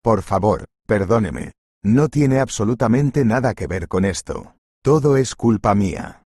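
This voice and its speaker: A man's voice: fairly low pitch, expressive, measured pace, dark tone, breathy edge, no room sound, clean studio sound. A man voicing a timid, apologetic young woman who works as a kitchen helper in a storybook reading. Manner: apologetic, hesitant.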